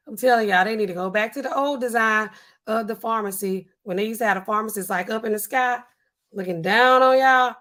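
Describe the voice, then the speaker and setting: A hoarse woman pharmacist streams live from her home studio, a neon sign in the room, casually reading comments. Her husky, weak voice is animated, dropping lower and slower whenever she wants to sound stern.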